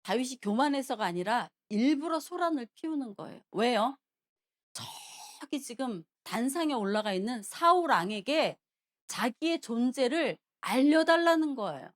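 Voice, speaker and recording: A woman preacher with a high, very lively voice, retelling a Bible story to her church. She keeps asking her listeners questions, with big swings of pitch in each line. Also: moderate pace. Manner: animated, questioning the congregation. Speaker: pastor. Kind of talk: sermon storytelling.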